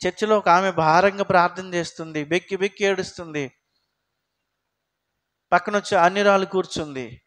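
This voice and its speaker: A man's voice: sits high, normal speed, long pauses, fairly bright tone. A man preaching a sermon as pastor, talking in a conversational way and putting frequent questions to the congregation.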